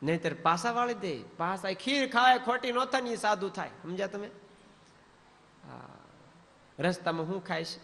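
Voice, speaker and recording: A man's voice: high-pitched, normal speed, creaky, pauses often, sharp tone, big-room sound. A man, a monk giving a storytelling sermon in a folksy manner and acting out the characters' dialogue.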